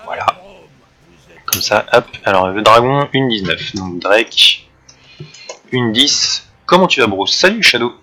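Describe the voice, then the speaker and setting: A man's voice: lowish voice, expressive, a little slow, pauses often, pushed and bright, slight background noise. A man streaming a video game live, chatting with viewers and his teammate while he plays. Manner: chatty, reacts to chat and game while playing. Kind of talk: live gameplay commentary.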